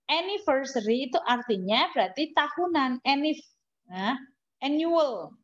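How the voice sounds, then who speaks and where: Her voice is high-pitched with big pitch swings and an unhurried delivery. A woman with an Indonesian accent teaches an English classroom lesson, teasing and chatty, asking questions only to answer them herself, and the lo-fi recording sounds dull.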